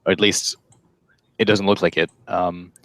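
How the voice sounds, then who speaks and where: A man co-hosting a casual livestream, talking to chat in a hesitant, low-key way. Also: flat delivery, moderate pace, a bit bright, no echo. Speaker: livestream co-host.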